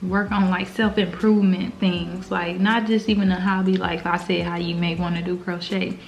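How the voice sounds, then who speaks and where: A woman's voice: on the low side, flat delivery, moderate pace, slight background noise. An American woman hosting a mukbang, giving earnest, informal, slangy advice in casual girl talk while she eats. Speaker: mukbang host. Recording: slightly dull, lo-fi sound.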